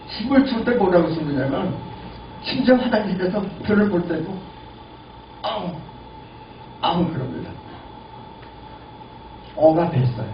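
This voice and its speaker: Elderly man lecturing in an echoey hall. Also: sits high. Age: 80s. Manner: lively, asks the audience questions. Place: lecture room. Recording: lo-fi, echoey, distant, noisy.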